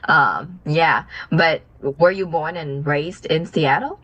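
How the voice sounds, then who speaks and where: A young woman from Vietnam, a business partner chatting casually on a video call, friendly and asking questions with fillers and soft laughs. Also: deep voice, takes it slowly, slightly rough, muffled recording.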